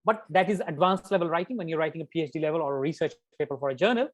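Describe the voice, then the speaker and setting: Rapid-fire and fairly high-voiced, a man teaches an interactive academic writing workshop. He hammers home key words through repetition, speaks emphatically, and slips in conversational remarks.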